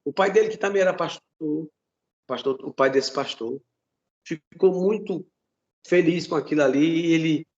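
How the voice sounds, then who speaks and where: A man's voice: a little high, moderate pace, a little mellow, muffled recording. A Brazilian man preaching a sermon as pastor, fervent and repetitive, often calling out to his listeners as brothers. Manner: fervent, repeats words, addresses listeners as brothers. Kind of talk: sermon with a retold testimony.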